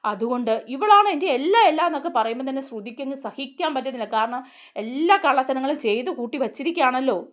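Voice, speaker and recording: A woman with a somewhat high-pitched voice is casually recapping a TV drama for her audience. She talks in a chatty way and keeps turning to speak directly to the listener. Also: fast talker. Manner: chatty, retells scenes and often adds a friendly tag addressed to the listener. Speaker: serial review host. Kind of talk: casual storytelling recap of a TV serial.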